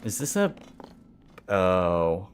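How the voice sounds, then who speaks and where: This man in his thirties rambles casually while livestreaming a game, muttering to himself and now and then laughing or swearing. His voice sits low with big swings in pitch, and he talks extremely slowly over faint background music.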